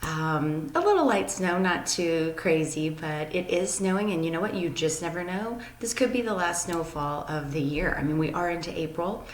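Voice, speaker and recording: A woman's voice: lowish voice, lively intonation, normal speed, hardly any pauses. A woman teacher giving an upbeat, chatty daily video lesson to young students, with many ums. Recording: echoey room.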